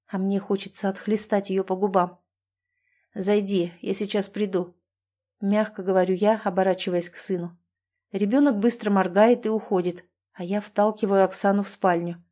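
Female audiobook narrator, steady reading, mid pitch. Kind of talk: first-person audiobook narration.

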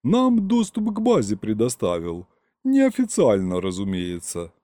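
A man voicing a polite, formal male alien assistant who speaks in a calm, matter-of-fact way. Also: fairly low pitch, unhurried, dry recording.

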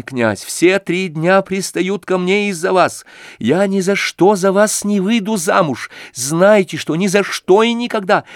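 A man's voice: high voice, no room sound, pitched above the performer's own voice. A man voicing a proud young woman, indignant and close to hysteria, with passionate outbursts.

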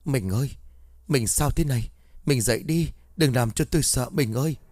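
A man's voice: medium pitch, normal speed, darkish tone, dry recording, close to an everyday voice. A man voicing a terrified young village husband who speaks in a trembling, stammering voice. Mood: panicked.

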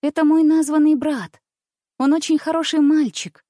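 A woman voicing an honest, gentle young circus girl who speaks earnestly and simply. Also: high voice, steady tone, moderate pace, no room sound, studio quality, pitched above the performer's own voice, natural voice.

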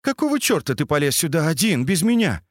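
Fiery young woman, reproachful, read by a man pitched up high, dry booth sound. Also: very animated, fairly quick, no room sound. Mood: angry.

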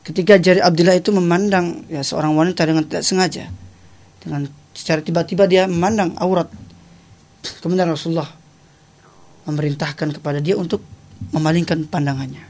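A man's voice: on the high side, steady tone, a little fast, long pauses, darkish tone. A man giving a didactic religious explanation on the radio, punctuating phrases with short checking tags. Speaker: Islamic teacher, studio guest.

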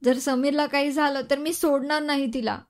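A woman's voice: high-pitched, flat delivery, moderate pace, lightly acted. A woman voicing an upset young wife who answers sharply and through tears. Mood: tearful. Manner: sharp and tearful.

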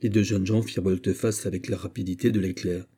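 A man narrating a classic novel as an audiobook in a measured, even storytelling manner. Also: sits low, slightly rough.

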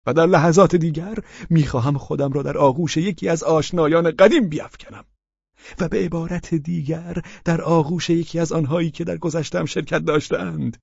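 A man's voice: on the high side, steady tone, vocal fry, a little mellow, slightly rough, no echo, dull audio, voice pushed up. A man voicing a fawning, overwrought middle-aged widower in an audiobook, pleading in a raised, emotional voice. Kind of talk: audiobook character reading.

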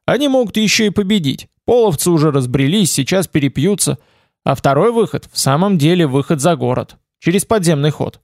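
A man reading the part of a calm, seasoned male wanderer-warrior, speaking in a cool, matter-of-fact way. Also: a little high, fairly quick, no echo, clean studio sound. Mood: coolly explaining. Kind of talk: audiobook character reading.

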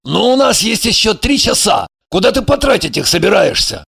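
A man playing a gruff, irritable secret agent in an audiobook, brusque and barking. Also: sits high, sing-song, normal speed, fairly bright tone, dry recording, clean studio sound, full character voice. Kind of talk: audiobook character reading.

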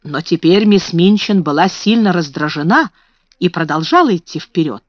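A woman narrating a children's novel in a measured reading voice, in a dull lo-fi recording. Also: lowish voice, expressive, no room sound. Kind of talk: scripted audiobook narration.

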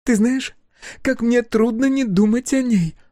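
A woman's voice: a little high, moderate pace, mellow, no echo, studio quality, pitched above the performer's own voice, lightly acted. A man voicing a fierce, bitter young woman scientist whose voice breaks in anger. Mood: anguished. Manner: cutting, angry, voice breaking.

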